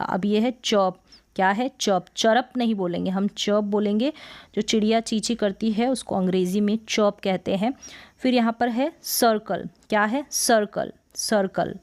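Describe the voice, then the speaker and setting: A woman with a mid-range, slightly mellow voice teaches English pronunciation by going through a word list. She repeats each word and poses questions that she then answers herself.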